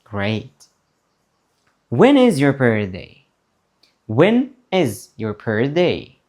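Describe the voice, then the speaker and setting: This is a male English teacher running a slow drill for beginners, one word after another. He repeats words deliberately so students can copy, speaking very slowly with long pauses. His voice rises and falls in lively, encouraging swings.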